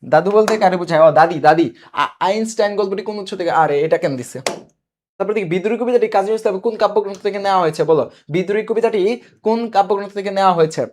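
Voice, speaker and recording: A young Bangladeshi man runs a live online coaching class, quizzing viewers, repeating key answers, and reading their comments aloud. His voice sits high with a darkish tone and a quick pace.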